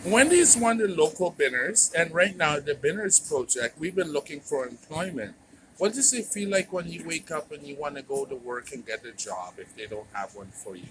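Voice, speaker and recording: A man with a somewhat high voice and lively intonation speaks at a normal pace. He conducts informal street interviews and commentary, earnest, repetitive and plain-spoken. The outdoor recording is noisy, with traffic audible.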